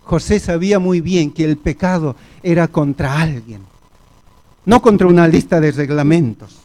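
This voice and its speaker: A man with an Argentine Spanish accent preaching a sermon in a church, deliberate and measured, often turning to the congregation. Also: a little high, darkish tone.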